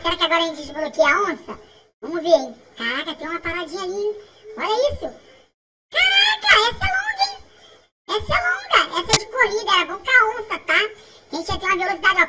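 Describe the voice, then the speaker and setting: A woman with a Brazilian Portuguese accent giving excitable, chatty commentary on a mobile game, repeating herself and breaking into laughs and shouts. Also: extremely high pitch, far from the mic. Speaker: gaming channel host.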